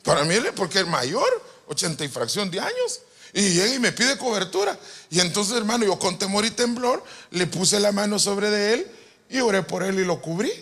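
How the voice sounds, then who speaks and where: A man preaches to a hall of pastors in a sermon full of jokes and asides. His voice is fairly high and swings widely in pitch, going from loud, playful outbursts to quiet, soft passages. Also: moderate pace. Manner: animated, joking with the congregation, swings from loud to soft. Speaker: apostle preaching. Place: church retreat hall.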